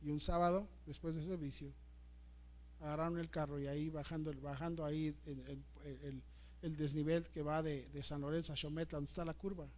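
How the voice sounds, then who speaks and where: A man's voice: a little high, flat delivery, a little fast. A middle-aged male pastor, preaching a story-driven sermon with emotional, repetitive delivery. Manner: emotional, repeats words, dramatic swings in loudness.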